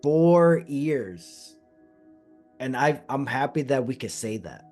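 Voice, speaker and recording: A man hosting a wrestling podcast, chatting excitedly and stressing his points, his voice a bit hoarse. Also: medium pitch, takes it slowly, faint music behind. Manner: excited, emphatic, repeats phrases. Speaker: podcast host. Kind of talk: casual podcast chat.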